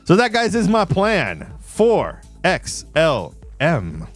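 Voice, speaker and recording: A man hosting a casual livestream, with a fairly high voice that swoops lively up and down. He is playful, laughs often and reads chat shout-outs, with faint music behind him. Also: slow. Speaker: livestream host. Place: in Puerto Rico.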